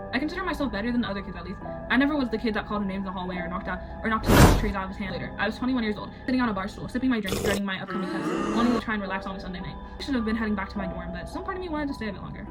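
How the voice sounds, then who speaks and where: A woman's voice: medium pitch, low-quality recording. A woman reading horror stories aloud for a vlog, breaking off now and then for joking asides.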